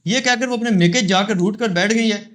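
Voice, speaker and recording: A man reading out audience questions to a scholar in a plain, measured way. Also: high voice, a bit bright.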